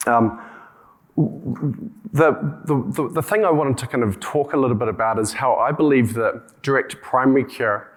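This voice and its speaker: A man's voice: medium pitch, normal speed. New Zealand man giving an informal conference talk. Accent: broad New Zealand (Kiwi). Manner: hesitant, often repeating words and circling back with hedges. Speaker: conference speaker, company co-founder and CEO.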